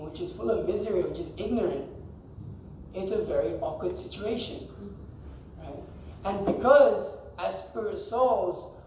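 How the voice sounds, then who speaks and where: In an echoey temple hall, with the mic placed far off, a man teaches a scripture class to a group. His voice is high-pitched with a darkish tone, and slight background noise can be heard. He talks conversationally, quizzes the audience and laughs often.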